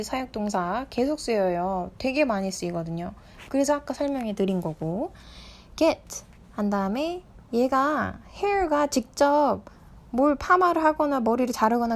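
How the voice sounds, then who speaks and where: A woman teaching an English lesson online, explaining expressions step by step, asking her students questions and reading example lines slowly. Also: on the high side, animated.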